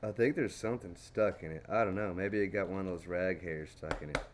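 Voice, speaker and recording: With background noise behind him, a Dallas man with a Texas accent speaks briskly in a low, fairly even voice. He streams his crayon painting, chatting to himself in a casual, folksy way as he works.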